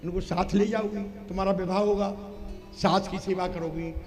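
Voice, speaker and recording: A man playing a saint who tells a lively parable, acting out a crying child, and gently refuses a request. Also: sits high, normal speed, soft background music, lightly acted. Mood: admonishing. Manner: animated storyteller, acts out voices. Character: wise saint, storytelling elder. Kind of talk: folk stage play.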